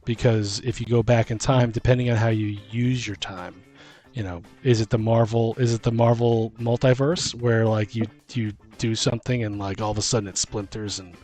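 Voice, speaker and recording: A podcast host and game master rambles through a casual, slangy chat about tabletop games, with music playing behind him. His voice sits lowish and darkish, with fairly even intonation at a moderate pace.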